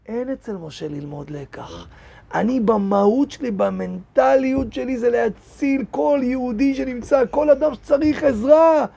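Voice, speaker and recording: A man, a rabbi, teaching a lively Torah lesson in a synagogue, reading verses aloud and firing rhetorical questions at his listeners. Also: extremely high pitch, creaky.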